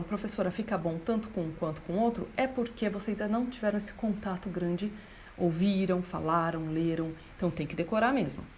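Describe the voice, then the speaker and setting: A woman, a language teacher patiently explaining grammar and slowing down to read out example sentences. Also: fairly low pitch, darkish tone, a little hiss or hum. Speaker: German teacher.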